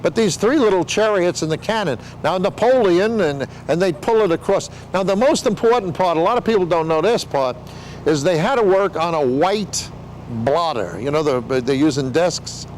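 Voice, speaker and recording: A man's voice: high voice, lively intonation, normal speed, a little mellow, slight background noise, rough recording. An older man explaining things in a casual interview, with rambling showman patter and joking asides. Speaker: veteran sideshow talker explaining flea circus.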